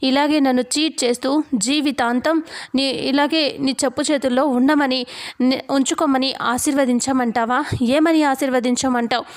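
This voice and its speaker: A woman's voice: sits high, steady tone, normal speed, natural voice. A woman reading out the lines of an angry young husband who feels betrayed, in her own plain voice. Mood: accusing.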